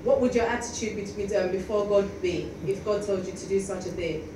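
Woman preaching in an echoey church hall. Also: medium pitch. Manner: conversational, halting with many fillers. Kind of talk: sermon. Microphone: stand mic at a lectern, filmed by a far camera. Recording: echoey hall from far off, noisy.

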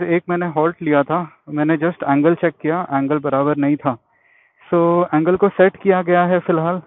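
A man giving short, relaxed remarks to viewers while he rides, recorded on a phone fixed to his helmet. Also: a little high. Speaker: motovlogger. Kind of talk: casual vlog narration while riding. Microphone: helmet-mounted phone. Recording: thin phone-like sound from a helmet mount.

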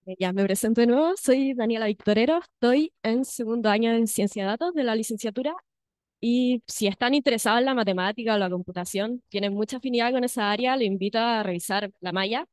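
A young woman in her twenties, a second-year university student, warmly inviting prospective students, pausing often with hesitations. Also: fairly high pitch, no room sound. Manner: friendly, with many hesitations. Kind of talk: informal talk to prospective students.

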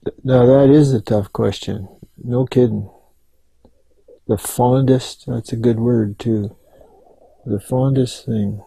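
An older man telling stories in an oral history interview, halting and rambling, with many restarts. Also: medium pitch, steady tone, creaky, mellow, slightly rough, no echo, rough recording. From Canada.

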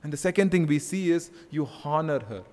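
A man's voice: a little high, a little fast, a little mellow, long reverb tail. A male pastor with an Indian English accent, preaching an earnest sermon to his congregation, often repeating phrases and using "you know". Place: church hall.

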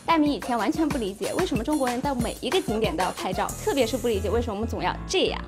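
A woman gives a video testimonial about a friend. She speaks quickly, with clear music playing behind her. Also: on the high side, lively intonation.

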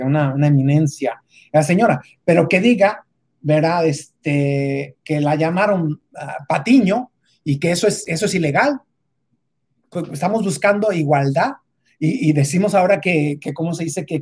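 A woman with a low, mellow, husky voice speaks at a moderate pace. She delivers a casual, emphatic opinion monologue, often stopping and restarting, hesitating, and tacking on rhetorical tag questions.

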